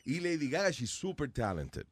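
A man hosting a casual chat, animated and laughing, mixing in English phrases. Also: fairly high pitch, normal speed.

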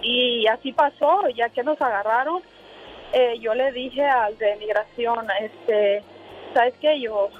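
A woman's voice: fairly high pitch, slow, a little hiss or hum. A woman calling in from her car, telling a personal story with many hesitant fillers. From Honduras. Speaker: caller. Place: in a moving car. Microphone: phone. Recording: tinny phone line.

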